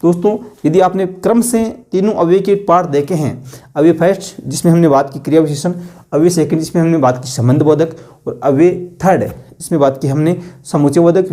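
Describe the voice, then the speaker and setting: Male teacher, fairly high voice with a mellow tone, asks rhetorical questions and repeats example sentences. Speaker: Hindi grammar teacher. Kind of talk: online grammar lesson.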